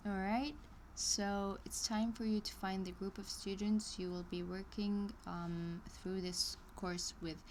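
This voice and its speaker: This woman's mid-range voice is flat and a little mellow, moving at a measured pace with few pauses. She's live streaming a casual read-through of an online course, slipping into chatty asides and small laughs, though she often hesitates with ums and restarts. There's a faint hiss or hum.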